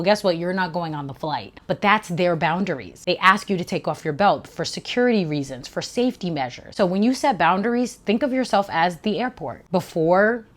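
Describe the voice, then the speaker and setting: A young adult woman, a manifestation coach, giving a motivational talk to camera and acting out quotes with laughs. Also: fairly low pitch. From New York. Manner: animated, acts out quotes with laughs.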